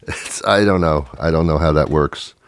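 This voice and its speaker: Very deep-voiced sarcastic talk host. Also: male voice, normal speed, clear, resonant tone, no echo. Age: 30s. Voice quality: sarcastic, self-mocking, trailing off. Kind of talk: rambling comic monologue.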